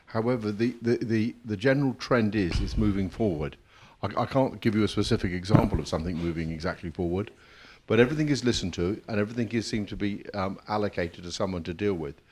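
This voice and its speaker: A man from a supporters committee answering at a fans forum, halting and measured with frequent restarts. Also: on the low side, darkish tone, slight background noise.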